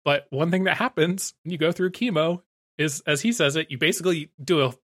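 A man's voice: a little high, brisk, a bit bright. A man co-hosting a podcast in easygoing casual chat, laughing between remarks. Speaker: podcast co-host.

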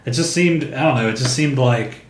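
A man co-hosting a podcast, chatting casually about comics, halting with fillers and restarts. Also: medium pitch, slight background noise. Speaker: podcast co-host. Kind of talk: casual comic book chat. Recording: roomy untreated room sound.

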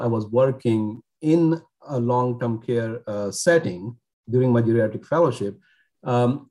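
Halting man from Pakistan. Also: medium pitch. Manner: hesitant, many fillers and restarts. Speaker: physician guest. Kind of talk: podcast interview.

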